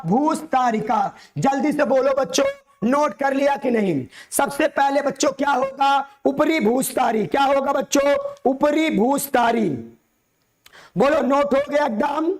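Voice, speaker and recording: A man's voice: extremely high pitch, measured pace. A male teacher giving an online class, drilling students with repeated questions and calling them dear children. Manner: call-and-response drilling, repeats each question, coaxing.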